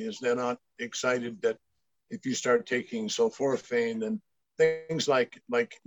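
This older Maine man, a guest in relaxed conversation, spins rambling stories full of restarts at a medium pitch. The audio is dry, dull and low-fidelity.

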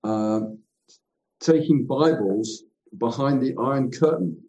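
Man, soft dark tone, hesitant delivery, interview host. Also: mid-range voice, slow, dull audio. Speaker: podcast host. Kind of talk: interview hosting.

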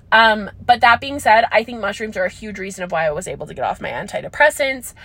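A woman in the middle of her vocal range talks through a casual solo podcast as a business coach. She rambles freely, fills every pause with "like" and "um" and often breaks into laughter. The recording is close and dry, with no room sound. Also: mid-range voice, fairly bright tone, no echo.

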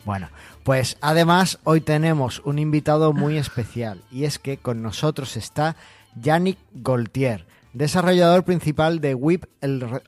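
A man's voice: a little high, unhurried, no echo, faint music behind. Chatty man hosting a podcast. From Spain. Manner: relaxed, chatty, many fillers. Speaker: podcast host. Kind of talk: casual podcast chat.

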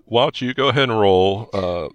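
A man narrating a tabletop game as game master in a halting, improvised way. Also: fairly low pitch, dry recording, highs cut off.

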